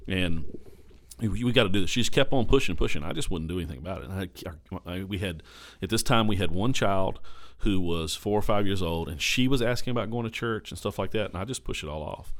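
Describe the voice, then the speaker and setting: Deep-voiced pastor telling a candid story. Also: male voice, fast, no echo. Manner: candid, animated storyteller who repeats phrases for emphasis. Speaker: pastor and podcast host. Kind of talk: casual podcast storytelling. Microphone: podcast microphone.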